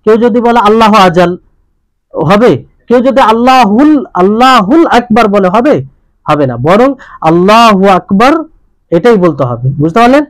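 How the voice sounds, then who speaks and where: High-voiced preacher quizzing his listeners. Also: dry recording, low-quality recording. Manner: asks the audience questions and repeats key points. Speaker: Islamic preacher. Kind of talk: religious lesson.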